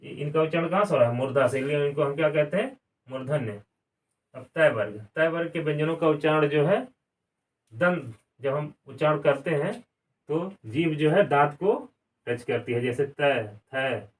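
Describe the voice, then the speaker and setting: A male grammar teacher with a fairly high-pitched voice speaks at a normal speed during a classroom lesson, asking questions, answering them himself, and repeating key words. The mic is distant and picks up some room sound.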